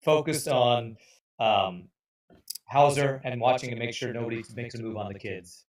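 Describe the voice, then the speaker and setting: A man's voice: mid-range voice, moderate pace. Man player, roomy distant sound. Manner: hesitant, filler-laden. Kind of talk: tabletop game play.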